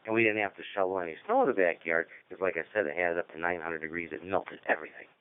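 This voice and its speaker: A man's voice: sits low, animated, quick pace, clean tone. A man hosting a ham radio net in a chatty, rambling way, heard over a radio link. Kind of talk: casual on-air net chat. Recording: narrow radio-link sound, dry.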